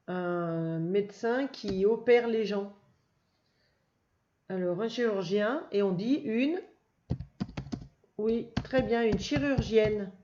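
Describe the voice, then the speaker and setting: A woman teacher giving a recorded reading lesson to young children, speaking patiently and praising the listener often. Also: mid-range voice. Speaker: first-grade teacher. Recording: dull lo-fi, faint noise.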